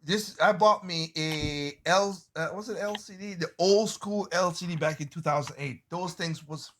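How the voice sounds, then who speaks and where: Man, high voice, bright tone, lively storytelling, cursing, faint background hiss. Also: normal speed. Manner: animated storyteller, swears freely, exclaims loudly; repeats and restarts phrases. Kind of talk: casual group chat.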